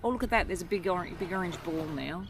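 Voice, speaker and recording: A man's voice: high-pitched, quick pace. A man co-hosting a travel vlog, laughing and teasing in easy chat on a beach at sunset. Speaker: vlog co-host. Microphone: handheld phone camera. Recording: outdoor noise on a beach.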